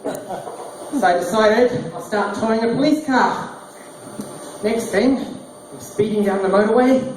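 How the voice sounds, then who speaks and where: On a small, echoey bar stage, a male stand-up comedian with a high voice delivers deadpan one-liners at a measured pace. The recording is distant, echoey and noisy, with bar sounds and a small crowd laughing.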